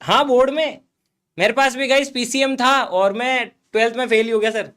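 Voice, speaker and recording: High-voiced earnest young man. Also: fairly even intonation, moderate pace, sharp tone, clear, resonant tone. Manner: earnest, addresses viewers as guys and host as sir. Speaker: guest influencer. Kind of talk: motivational chat.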